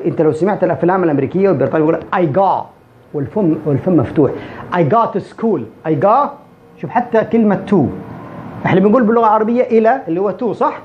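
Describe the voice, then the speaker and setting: Male language teacher, brisk explainer, slows down to spell out sounds, muffled lo-fi recording. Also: high-pitched. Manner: repeats example words slowly to demonstrate sounds. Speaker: English teacher. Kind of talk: explaining a pronunciation lesson. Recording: dull lo-fi recording.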